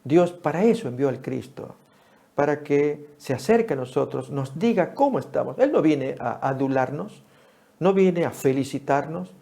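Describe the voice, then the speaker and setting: A male preacher with a gravelly, dark-toned voice delivers an animated Bible study sermon. He calls out to his listeners as friends and leaps up in pitch when he quotes a speaker. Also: normal speed. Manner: animated, rises sharply for quoted speech, addresses listeners as friends.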